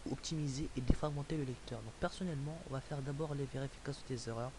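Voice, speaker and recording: A fast-talking young Frenchman with a mid-range voice narrates a casual screen-recorded computer tutorial. He rambles, using many fillers and restarting sentences, over a hissy home recording.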